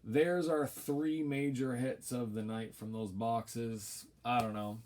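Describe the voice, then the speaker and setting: A man's voice: medium pitch, little pitch movement, takes it slowly, a little mellow. A tired man casually commentating a trading card break at night, droning and mumbling with wry, rambling asides. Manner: wry, rambling, self-deprecating. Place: home room at night.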